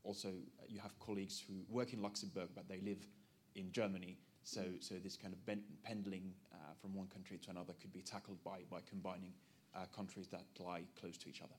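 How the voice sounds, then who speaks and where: A man's voice: deep voice, flat delivery, a little fast, slight background noise. A man in the audience making a polite, hesitant comment at a conference, repeating words as he goes.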